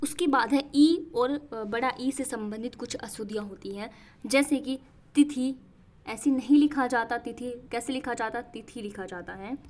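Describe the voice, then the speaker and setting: A young woman teaching a Hindi spelling lesson for exam preparation, asking questions and answering them herself. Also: on the high side. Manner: repetitive questioning, answers her own questions.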